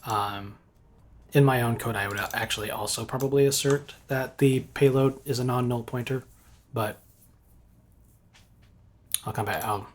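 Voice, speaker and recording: A man walking through his game engine code live, thinking aloud in a halting way with frequent ums and restarts. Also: medium pitch, fairly even intonation. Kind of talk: live coding walkthrough.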